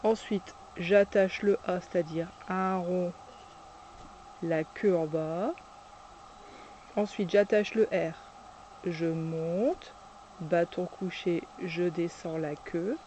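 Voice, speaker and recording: A preschool teacher slowly demonstrating cursive letter by letter, patiently naming each stroke aloud. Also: medium pitch, fairly even intonation, warm tone, slight background noise. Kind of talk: step-by-step handwriting demonstration.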